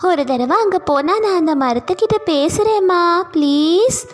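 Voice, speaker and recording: A woman's voice: very high voice, animated, a little slow, voice pushed up. A woman voicing a sweet, stubborn little girl in a cartoon story, eager and coaxing. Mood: eager, kind.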